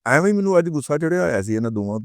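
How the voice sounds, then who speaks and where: A man's voice: on the high side, big pitch swings, no room sound, clean studio sound. Heated, scornful Punjabi-accented man. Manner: switches between Urdu and Punjabi. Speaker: political analyst and host. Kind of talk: political commentary monologue.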